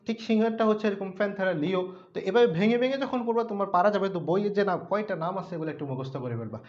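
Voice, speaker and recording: Fast-talking tutor man. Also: high voice, darkish tone, dull audio. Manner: explains step by step, keeps checking understanding. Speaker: biology tutor. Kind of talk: online school lecture.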